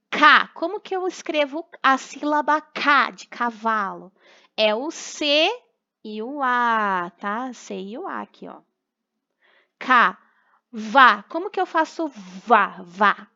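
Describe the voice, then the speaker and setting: A woman's voice: high voice, expressive, takes it slowly, bright, forceful tone, muffled recording. A young woman teacher with a Brazilian Portuguese accent, patiently sounding out syllables for young children in a recorded remote class. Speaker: primary school teacher.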